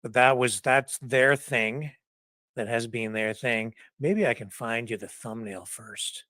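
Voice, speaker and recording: A man hosts a casual news livestream at a slow, unhurried pace. He rambles and chuckles as he searches for clips. His voice is dry and close, with little room sound. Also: medium pitch, bright, forceful tone, dry recording.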